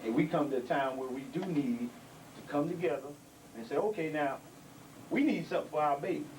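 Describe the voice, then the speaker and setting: Fairly quick and on the high side, with a touch of mellowness, a middle-aged man speaks as an elder to the young people at a gathering. He preaches in street vernacular with repeated emphasis, captured indoors on a far-off handheld mic with noise in the background.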